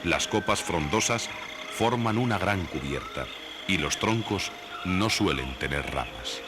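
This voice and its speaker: A man reading scripted nature documentary narration in a measured, didactic way. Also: low-pitched, expressive, background noise. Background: background music.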